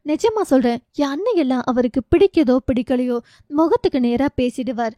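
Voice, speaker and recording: A woman voicing a hurt, bitter middle-aged wife and mother who speaks in a measured, reproachful way. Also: high voice, expressive, dark tone, no room sound, studio quality.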